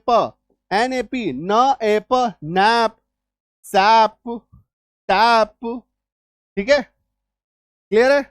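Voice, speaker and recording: A man's voice: high-pitched, no echo. A man teaching spelling in an online lesson, drilling each rule over and over and checking whether students follow. His voice is dry and close, with no room sound. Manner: drilling, repeats rules and checks in with "clear?". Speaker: English teacher.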